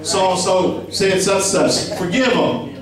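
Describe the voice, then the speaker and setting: A middle-aged man delivers a conversational sermon in a small church. His voice sits fairly high and he keeps tossing questions to the pews. The sound is distant and heavily echoey, recorded from the back of the room. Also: steady tone, slow, a crowd in the background. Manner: emphatic, conversational preaching with rhetorical questions. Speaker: pastor. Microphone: handheld mic.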